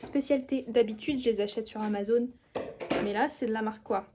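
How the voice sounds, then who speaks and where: A young woman talks to her camera at home, bubbly and chatty. Her voice sits fairly high and she fills gaps with frequent hesitations. There is a faint hiss behind her. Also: a little fast. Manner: chatty and enthusiastic, many fillers. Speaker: vlogger. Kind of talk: casual chat.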